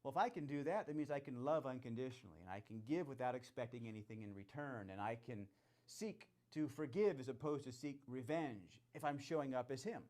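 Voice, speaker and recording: A man's voice: medium pitch, expressive, a little fast, a little mellow. An enthusiastic man hosts a charity celebration, welcoming viewers in a conversational way. He builds his faith talk on repeated phrases and keeps an easy, mid-range voice.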